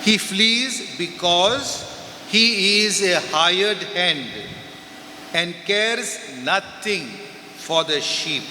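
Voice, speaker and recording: At a big church's pulpit mic, a priest with a Goan accent reads the Gospel and preaches in brief, measured phrases. His voice sits high, and the sound reaches us through the church speakers with a long reverb tail and a noisy background.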